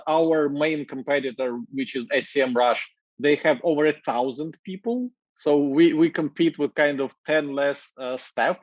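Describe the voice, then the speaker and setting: A man in his thirties from Ukraine with a Ukrainian accent, speaking English in a casual, energetic interview with many fillers, over wireless earbuds on a video call. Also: a little high, no echo, lo-fi sound. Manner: energetic, gestures while talking, many fillers. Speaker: marketing executive guest. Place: office with glass walls, indoors.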